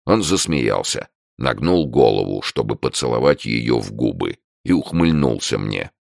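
A man reads a first-person crime story aloud in a measured, dry manner. His voice is extremely deep and gravelly, with a lively rise and fall. The recording is dry and close. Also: no echo. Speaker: audiobook narrator. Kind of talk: first-person audiobook narration.

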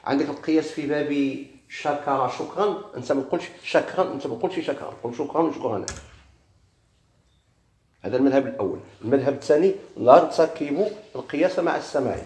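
A man's voice: mid-range voice, fast, a little mellow. Moroccan man teaching in an echoey room. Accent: Moroccan Arabic. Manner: asks questions and answers them himself, repeats key words. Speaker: grammar teacher. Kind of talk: classroom lesson on Arabic grammar. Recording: echoey room with faint noise.

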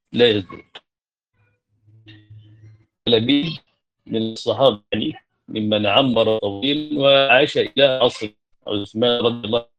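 A male teacher gives a measured classroom lecture on a grammar poem, pausing on fillers and correcting himself as he goes. He slows into a chanting cadence when he recites verses. His voice sits at a middle pitch, and the recording is dull and lo-fi. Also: vocal fry. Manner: measured, explanatory, with hesitant fillers and self-corrections.

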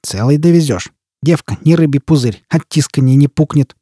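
Man putting on a rowdy crude bandit boss, loud and raised, husky edge. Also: on the high side, expressive, normal speed, no room sound, clean studio sound, voice pushed up. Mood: swaggering. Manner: boisterous, coarse, mocking. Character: loud boorish male bandit leader.

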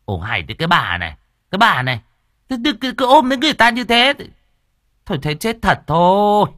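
A man voicing an irritable, sharp-tongued woman spirit medium who scolds in an exasperated way. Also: low-pitched, very animated, a little slow, no echo, clean studio sound, heavily acted. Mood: scolding.

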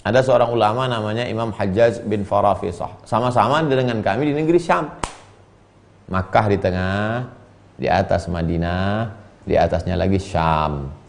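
A man preaching and teaching from a classical text. He reads Arabic phrases, explains them slowly and acts out the people in his stories with sudden high-pitched voices. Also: creaky. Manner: animated storyteller, voicing characters with sharp pitch jumps.

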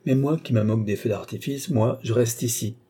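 A man reading an audiobook, voicing a haughty, scornful old baron who blusters loudly. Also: medium pitch, a little fast, breathy edge, natural voice.

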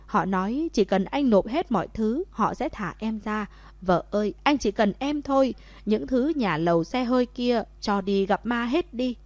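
A woman voicing a remorseful young husband who begs his wife loudly in a storybook. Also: medium pitch, animated, moderate pace, dry recording, close to an everyday voice. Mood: pleading. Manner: loud begging calls.

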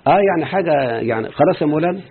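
A man's voice: a little high, animated, rapid-fire, a crowd in the background. Man teaching grammar in an Egyptian accent. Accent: Egyptian Arabic. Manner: explains step by step, keeps checking that students follow. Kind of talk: classroom grammar lesson. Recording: tinny phone-like husky recording.

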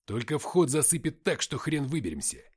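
A man's voice: medium pitch, very animated, normal speed, darkish tone, husky, voice pushed up. A man voicing a barking squad commander. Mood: commanding.

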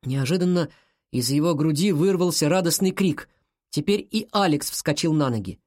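An audiobook narrator reading a children's fantasy story in a calm, even manner. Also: medium pitch, normal speed, dry recording, clean studio sound.

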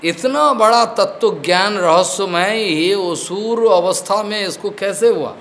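A man with a rather high voice teaches as a spiritual teacher at an unhurried pace. He unfolds a devotional discourse through stories, mixing English words into his speech. He often stops to ask whether his listeners have understood. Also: fairly bright tone, a little hiss or hum.

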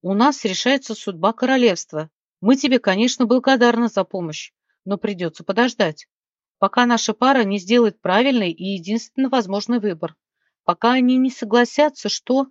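A woman's voice: on the high side, moderate pace, no echo, highs cut off, voice pushed up, natural voice. Audiobook: woman as a stern, indignant king. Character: irritable, imperious male king.

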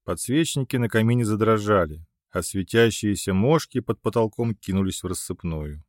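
A man reading a fantasy romance audiobook aloud in an expressive, dramatic way. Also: lowish voice, normal speed, dry recording, clean studio sound. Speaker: audiobook narrator. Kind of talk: scripted narration of a fantasy romance.

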